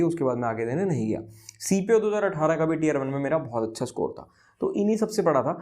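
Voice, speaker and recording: Young guy tutor rattling off exam book tips super fast, kinda high voice, earnest. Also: a little mellow. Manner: rapid, earnest, repeats his promises. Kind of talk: exam preparation advice video.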